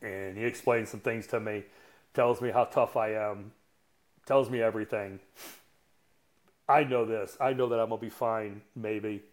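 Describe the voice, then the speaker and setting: A man in his sixties, a coach guesting on a podcast, tells a story in a casual, blunt way, swearing often and pausing on fillers. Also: fairly low pitch, fairly even intonation. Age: 60s. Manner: blunt and profane, halting with fillers.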